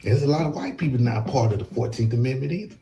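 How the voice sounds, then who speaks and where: A man on a podcast panel speaking emphatically, slowing down to drive his points home. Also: mid-range voice, expressive, dark tone.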